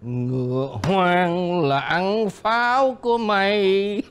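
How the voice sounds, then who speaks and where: A man's voice: very animated, normal speed, slight background noise. A middle-aged actor playing a blustering, scheming father-in-law in a sitcom. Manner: blustering, jumps up high when agitated. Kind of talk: sitcom acting.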